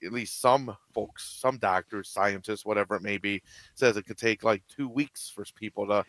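A man's voice: fairly low pitch, normal speed, a bit bright, no room sound. A man, a local sports radio announcer, chatting as a guest in a rambling way with many restarts. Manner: rambling, lots of restarts and fillers. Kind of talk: casual radio chat.

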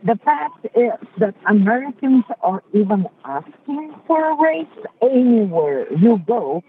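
A woman's voice: a little high, sing-song, unhurried, a little hiss or hum. A woman caller with a Russian accent, blunt and dismissive, talking on a speakerphone held away from her. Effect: on a speakerphone, phone held away from her. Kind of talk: call-in radio talk. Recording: distant, tinny speakerphone call line.

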